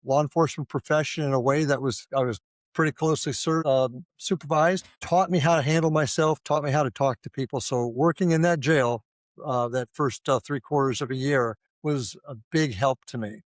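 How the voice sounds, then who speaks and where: A man's voice: mid-range voice, moderate pace, dry recording. Older guy from ohio, retired cop rambling on with lots of uhs, dry close sound. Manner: rambling with many fillers and restarts. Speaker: guest, retired police officer. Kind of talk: casual interview conversation.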